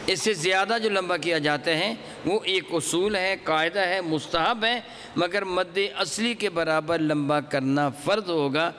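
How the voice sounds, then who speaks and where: Male Quran teacher, high bright voice, chants examples and quizzes class, echoey hall. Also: slight background noise. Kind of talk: classroom religious lesson on recitation.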